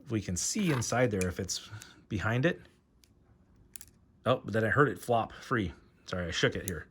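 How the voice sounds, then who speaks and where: A man giving a casual hands-on tutorial, talking haltingly with fillers and restarts while he works. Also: on the low side, animated, fairly bright tone, slight background noise. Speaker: host demonstrating pistol disassembly.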